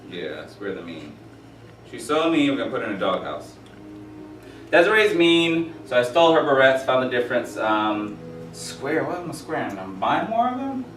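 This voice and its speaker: The speaker, a man in his forties, has a medium-pitched, fairly bright, sing-song voice at a normal speed. He leads a classroom math lecture, rambling and joking with stories and asides between steps. Faint music plays behind him, and he's recorded from far off in an echoey room.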